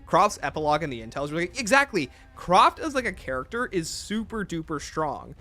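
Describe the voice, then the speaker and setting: A man's voice: a little high, sing-song, brisk, pushed and bright, soft background music. A man hosting a livestream, giving opinionated casual commentary and answering chat messages aloud. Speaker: livestream host.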